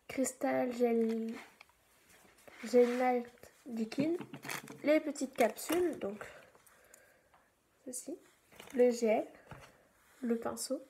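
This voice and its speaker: A woman's voice: on the high side, noisy background. Chatty woman doing a nail tutorial. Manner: chatty, many fillers, some whispered asides. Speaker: beauty vlogger.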